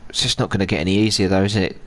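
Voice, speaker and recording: A man's voice: deep voice, fairly even intonation, rapid-fire. A man chatting loosely through live gameplay as a streamer, rambling and breaking off mid-sentence. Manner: rambling, chatty, self-interrupting. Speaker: gaming streamer.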